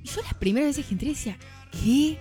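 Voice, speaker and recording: A woman's voice: high voice, lively intonation, fast, dark tone, faint music behind. Emphatic woman telling stories. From Neuquén, Argentina. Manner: anecdotal, emphatic denials. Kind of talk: casual chat.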